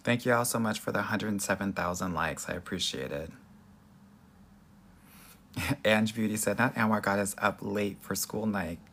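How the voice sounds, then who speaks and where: A man with a Southern Californian Valley accent hosts a casual live question-and-answer chat, giving dating advice in a sassy, slangy way with a husky, gravelly voice. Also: lowish voice, moderate pace, pauses often, a bit bright, slight background noise. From Southern California, United States. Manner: sassy, slangy, addresses viewers as girl.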